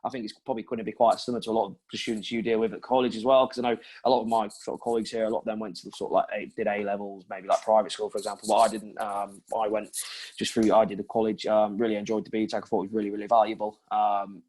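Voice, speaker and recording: Fast-talking young man, flat low voice. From Yorkshire, England. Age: 20s. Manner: chatty, many ums and fillers. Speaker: recruitment consultant, interviewee. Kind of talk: casual interview answers.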